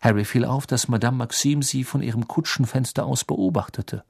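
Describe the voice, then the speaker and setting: A man narrates a storybook at a middle pitch, in an expressive but even reading voice. He reads close to the mic with a dry sound and no room echo. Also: normal speed, creaky, slightly rough. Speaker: audiobook narrator.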